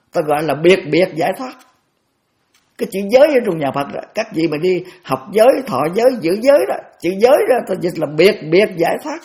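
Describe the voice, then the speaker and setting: Old man, eighties, Buddhist monk, dharma talk, somewhat high voice, repeats words, stammering restarts. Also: a little mellow. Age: 80s. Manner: repetitive, stammering restarts, homely examples.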